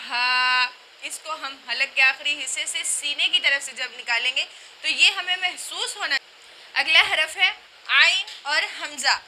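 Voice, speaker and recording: A high, very bright female voice teaching recitation. She explains at a brisk clip and then draws single sounds out slowly to demonstrate them. A faint hiss of background noise sits under the recording. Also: poor audio.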